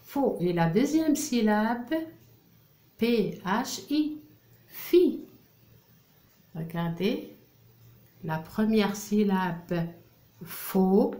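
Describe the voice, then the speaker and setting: Slow, careful woman teacher. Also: medium pitch, lively intonation, mellow. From Algeria. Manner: slow, careful, repeats syllables one by one. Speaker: primary school French teacher. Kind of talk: reading lesson for young children. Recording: roomy echo.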